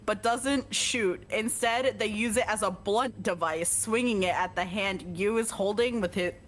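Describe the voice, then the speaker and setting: There's a little hiss or hum as a woman of medium pitch reads at a measured pace. In this let's-play, she narrates a visual novel evenly and regularly interrupts herself to joke and laugh with a co-player.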